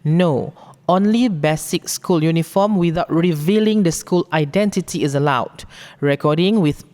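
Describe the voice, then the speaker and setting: A woman with a Malaysian accent presents a formal briefing, reading out rules in a deliberate, instructive way. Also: on the low side, darkish tone. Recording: long echoing hall reverb.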